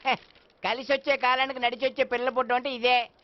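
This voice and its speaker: An actor playing a cheeky office clerk who teases a colleague. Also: male voice, very high voice, flat delivery, quick pace, no echo, muffled recording. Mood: teasing. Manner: teasing, wisecracking.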